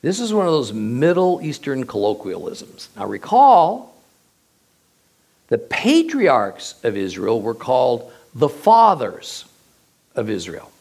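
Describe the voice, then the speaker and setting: A man giving a verse-by-verse Bible teaching, reading the passage aloud and then explaining it with emphatic, drawn-out phrasing. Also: mid-range voice, gravelly, breathy edge. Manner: expressive, emphatic delivery with drawn-out pauses.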